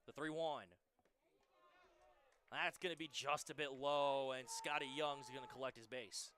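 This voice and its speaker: A young man in his twenties calling a college baseball game live on radio, giving brisk pitch-by-pitch calls that lift on big plays. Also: steady tone, a bit bright, slight background noise. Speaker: play-by-play announcer.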